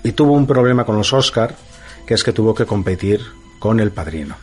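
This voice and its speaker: A man's voice: lowish voice, expressive, a little fast, husky, soft background music. A man talking casually about a film, enthusiastic and rambling, with many fillers and restarts. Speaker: film commentator. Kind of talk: casual film chat on a radio show.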